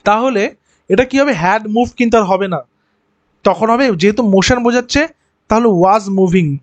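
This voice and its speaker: A man's voice: high-pitched, a little slow, no echo. A male teacher giving an exam-prep grammar lesson, explaining step by step and asking rhetorical questions.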